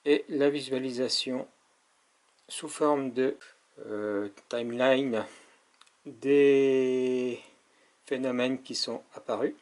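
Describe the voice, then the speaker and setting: A tech reviewer talks viewers through a product in a casual, practical demonstration. His voice sits at an ordinary middle pitch. He explains plainly and hesitates often between points. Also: steady tone, slow, long pauses, a little mellow.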